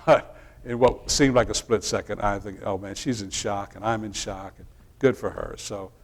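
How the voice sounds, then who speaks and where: Male minister, middle-aged, lower register; easygoing storytelling sermon with loose restarts. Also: normal speed, creaky. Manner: relaxed, folksy storytelling with frequent restarts.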